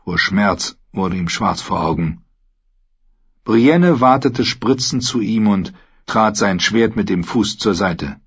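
Low husky male audiobook narrator. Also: lively intonation, slow. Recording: dull lo-fi recording.

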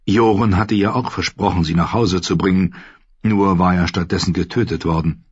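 Low husky male audiobook narrator. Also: steady tone, moderate pace, no room sound. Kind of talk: scripted narration. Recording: slightly dull, dry recording.

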